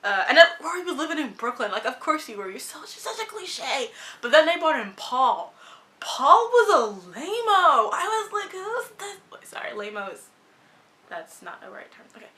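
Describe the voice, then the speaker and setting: A woman's voice: high-pitched, big pitch swings, normal speed, pushed and bright. A young woman reviewing a TV show in casual, opinionated chat, blunt and sarcastic, swearing freely and saying "like" a lot.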